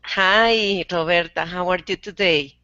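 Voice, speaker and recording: A woman's voice: lowish voice, unhurried, pushed and bright. A woman, a student answering hesitantly and shyly in short replies. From Colombia. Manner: hesitant and shy, laughs between short replies. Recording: dull lo-fi online call audio.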